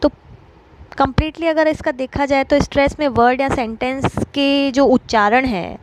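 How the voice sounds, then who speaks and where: A woman with a somewhat high voice teaches an exam-prep lesson. She explains patiently, step by step, pausing often on fillers. A faint hiss of noise sits under the recording. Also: steady tone. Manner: explanatory, many filler pauses.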